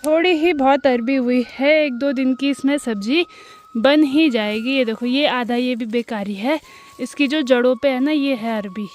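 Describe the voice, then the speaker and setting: A woman's voice: high voice, normal speed, darkish tone. A young woman, vlogging casually outdoors in a hillside farm field and chatting to her viewers as friends. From Uttarakhand hills, India. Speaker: village lifestyle vlogger. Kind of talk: casual explanatory vlog chat.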